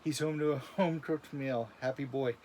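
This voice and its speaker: A man's voice: medium pitch, steady tone, moderate pace, a little mellow, a little hiss or hum. Easygoing man greeting chat viewers. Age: 30s. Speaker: livestream co-host reading chat. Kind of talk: casual chat.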